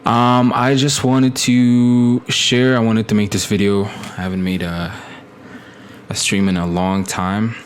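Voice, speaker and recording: Young man from Ethiopia, casual stream chat, lowish voice, faint background hum, drifts off the mic. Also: level tone, slow. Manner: rambling, many fillers and restarts, laughs at own jokes. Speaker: live streamer. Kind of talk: casual live-stream storytelling.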